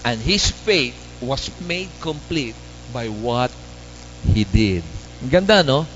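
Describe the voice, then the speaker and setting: A man's voice: mid-range voice, slow pace, muffled recording, a little hiss or hum. A man preaching a sermon as pastor, calling out to the congregation for responses. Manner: lively, calls out to the congregation for responses. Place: church service.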